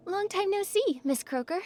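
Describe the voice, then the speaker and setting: High-voiced gentle young heroine. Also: female voice, full character voice. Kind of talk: scripted game dialogue.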